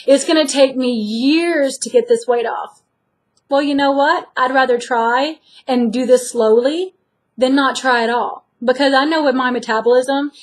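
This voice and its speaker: A woman vlogger talking to camera in an earnest, direct and encouraging way. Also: fairly high pitch. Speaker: weight-loss vlogger. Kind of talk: personal talk to camera.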